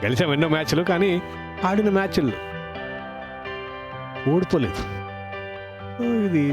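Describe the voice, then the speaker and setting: A man's voice: fairly high pitch, sing-song, measured pace, over music. A man giving conversational Telugu cricket commentary as a co-commentator.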